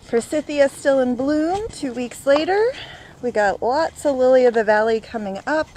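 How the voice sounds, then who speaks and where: A woman's voice: sits high, lively intonation, normal speed, a little mellow, slight background noise, rough recording. A woman walking through her yard and filming on her phone, chatty and a bit out of breath, naming her plants and sometimes unsure of them. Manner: chatty, listing plants as she walks, unsure of some names. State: a bit out of breath after a run. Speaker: home gardener. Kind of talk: casual garden walk-through video. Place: outdoors in a home yard and garden. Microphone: phone camera held while walking.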